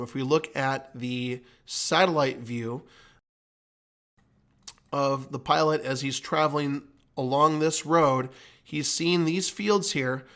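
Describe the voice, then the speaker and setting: A flight instructor and host gives an explanatory commentary, teaching emphatically and repeating the key points. His voice is fairly high in pitch with a fairly bright tone.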